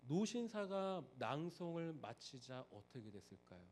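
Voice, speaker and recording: A pastor preaching with a high, lively voice that swings widely in pitch. He moves from loud, pressing emphasis to quiet, hushed asides as he speaks to the congregation. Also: a little slow, slight background noise. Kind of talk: sermon.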